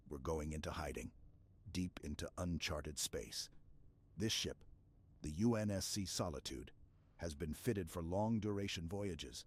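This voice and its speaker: A man playing Master Chief as a stoic, protective armored super-soldier in a scripted ASMR roleplay, speaking in a steady, clipped, reassuring military manner. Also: deep voice. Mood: grave briefing. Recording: clear background ambience noise.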